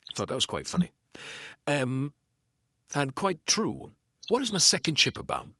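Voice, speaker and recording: A man's voice: on the high side, huge pitch swings, normal speed, bright, forceful tone, no echo, clean studio sound. A middle-aged man with a Geordie accent chatting about a detective book, wandering into self-deprecating asides, with lots of ums and false starts. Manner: digressive, self-deprecating, full of ums and restarts. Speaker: audiobook narrator. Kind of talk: casual rambling commentary.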